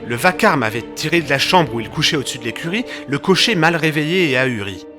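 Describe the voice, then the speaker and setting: An actor playing Doctor Watson, narrating an audio drama with vivid, tension-building delivery. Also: male voice, fairly high pitch, expressive, fast talker, close to an everyday voice. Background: music.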